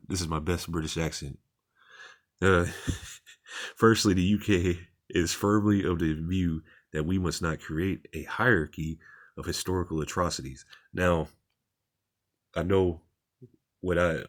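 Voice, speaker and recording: Low-voiced man giving plain-spoken commentary. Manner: plain-spoken, informal and repetitive. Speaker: religious commentator. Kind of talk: reading and commenting on articles.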